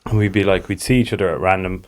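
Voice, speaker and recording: Low-pitched west of Ireland man, slangy. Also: fairly even intonation, fast. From Galway, Ireland. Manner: slangy, sweary, heavy use of "like" and "you know". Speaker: podcast guest, business co-founder. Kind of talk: casual chat, anecdotal.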